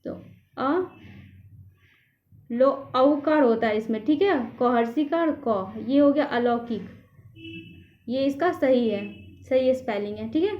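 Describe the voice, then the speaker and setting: A woman's voice: a little high, slow pace, pauses often. A woman teacher taking a class through an exam prep lesson, patiently checking each answer option in turn. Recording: echoey room, slightly dull sound.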